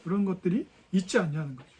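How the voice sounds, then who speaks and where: A man's voice: high-pitched, animated, fast, warm tone, husky. A male pastor preaching a Sunday sermon, talking to the congregation in a conversational way and firing off rhetorical questions. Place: church sanctuary.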